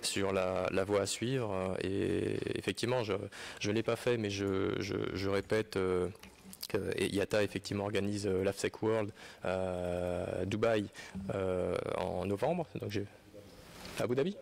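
A man's voice: low-pitched, flat delivery, measured pace, gravelly. A man moderating a conference, closing with hesitant remarks full of fillers and then reading a speech aloud, with a French accent. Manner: hesitant, many fillers and restarts.

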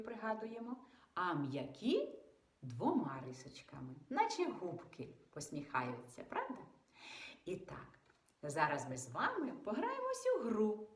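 Slow sing-song woman teaching children. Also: on the low side, echoey room. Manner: patient, exaggerated, pausing for children to answer. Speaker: preschool teacher.

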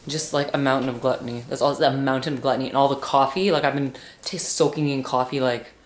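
A woman's voice: very deep voice, fairly even intonation, fast. A woman in her thirties chatting casually into a handheld camera, rambling in a self-mocking way. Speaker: vlogger. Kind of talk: casual vlog chat. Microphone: camera held at arm's length. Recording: noisy handheld camera audio.

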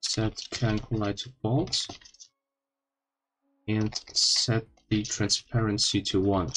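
A man hosting an informal coding tutorial in halting phrases, his speech a little odd and impeded after having his wisdom teeth out. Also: fairly low pitch, steady tone, fairly bright tone, poor audio. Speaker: tutorial host.

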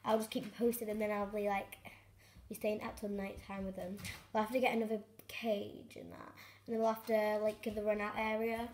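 A woman vlogging at home, chatting excitedly to camera in a rambling way with many fillers. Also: mid-range voice, brisk. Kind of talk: casual chat to camera. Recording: echoey room with faint noise.

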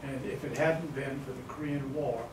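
An older man reminisces about his service in a wry, plain-spoken way. He sits away from the mic, in an echoey hall with steady noise behind him. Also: mid-range voice, normal speed, far from the mic. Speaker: veteran guest speaker.

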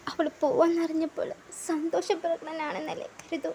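A woman voicing a calm, sly young man friend who talks in a measured, soothing way in a fan audio drama. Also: slight background noise. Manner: measured, soothing, low and steady.

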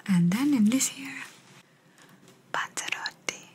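A woman's voice: medium pitch, normal speed, a little mellow, slight background noise, lightly acted. Woman acting an Italian clinician, whispered role-play right in the ear. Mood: soft, instructing. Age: young adult. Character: calm, encouraging female Italian clinician giving an exam. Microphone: close ASMR microphone.

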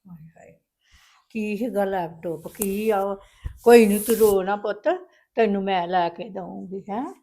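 A woman's voice: mid-range voice, fairly even intonation, a little slow, creaky, dark tone. An older woman playing a doting grandmother who soothes her granddaughter and argues with her daughter-in-law. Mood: soothing. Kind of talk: family drama acting.

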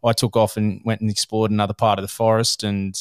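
A man with an Australian accent hosts a podcast, spinning his stories in a loose, animated way with bits of laughter and casual slang. His voice sits low, and the sound is dry and close with no room in it. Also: fast, smooth, dry recording. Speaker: podcast host. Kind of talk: casual storytelling chat.

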